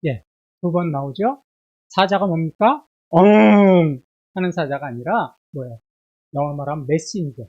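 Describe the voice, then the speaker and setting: A feverish pastor with a bad cold preaches on Sunday in a church sanctuary, his voice high-ish, husky, and animated at normal speed. Rhetorical questions pile up, rising loud and falling to a hush, and the recording has its highs cut off.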